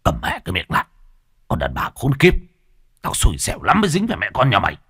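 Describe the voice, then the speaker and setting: A man's voice: deep voice, lively intonation, fast, fairly bright tone, no echo, studio quality, heavily acted. A man voicing a drunk, violent middle-aged husband who curses and threatens. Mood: raging. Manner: snarling, coarse and threatening.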